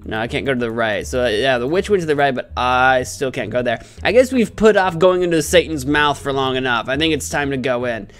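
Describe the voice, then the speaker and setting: Goofy guy doing a lets play, very animated, thinking out loud, game music low behind. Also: fairly quick, hardly any pauses. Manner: goofy, musing aloud. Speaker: host, gaming streamer. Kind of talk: playful let's play commentary. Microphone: close desk microphone on webcam stream. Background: faint game music.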